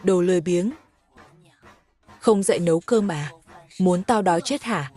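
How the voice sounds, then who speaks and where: A woman voicing a shrill, nagging old village grandmother who scolds and wails her complaints, in a plain reading voice. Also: unhurried, mellow. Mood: scolding.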